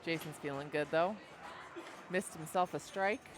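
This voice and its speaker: Upbeat live pinball co-commentator, playful asides, clear arcade noise behind. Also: mid-range voice, a little slow. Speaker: co-commentator at a pinball tournament stream. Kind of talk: casual live play-by-play commentary. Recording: noisy arcade background.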